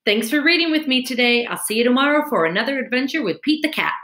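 This woman in her thirties talks fast with a high-sitting voice, reading a storybook aloud expressively like a teacher for young children. She's in a room at home, picked up by a computer mic at webcam distance in a screen-recorded webcam video, and the space echoes.

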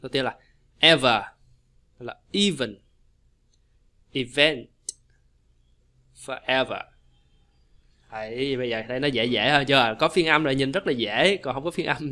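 Guy teaching pronunciation, bright voice, talks fast then drags out example words. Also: mid-range voice. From Vietnam. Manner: chatty, repetitive, quick asides with slow modeled English words. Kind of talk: casual explanatory lesson.

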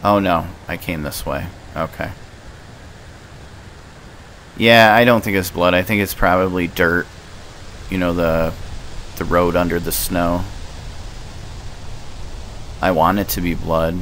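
A man's voice: deep voice, fairly even intonation, slow pace, long pauses, fairly bright tone, slight background noise, poor audio. A man giving casual let's play commentary, thinking aloud in short, muttered fragments.

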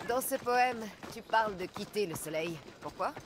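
A woman's voice: mid-range voice, animated, moderate pace, background noise, lightly acted. An actress playing a tough young female mercenary in a video game, with a dry, self-assured manner. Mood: dry, curious. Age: young adult. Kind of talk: video game character acting in French dub.

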